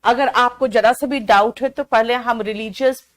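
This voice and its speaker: A woman's voice: on the high side, fairly even intonation, moderate pace. A woman teaching an online exam-prep class, chatty and drowsy from cold medicine, mixing English words into her talk and answering students by name. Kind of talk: live online class, explaining an English comprehension passage.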